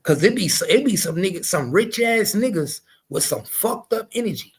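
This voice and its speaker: A slightly rough, high-sitting voice at normal speed belongs to a male host in his 40s. Chatting casually, he tells animated stories with bluntness and plenty of swearing.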